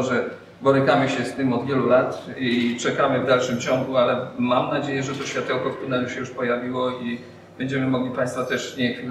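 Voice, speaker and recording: Masked man speaking in an echoey room. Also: mid-range voice. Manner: hesitant, many filler sounds. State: talking through a surgical mask. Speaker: hospital representative. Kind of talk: speech at a press event. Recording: echoey room, far from mic, audible background noise.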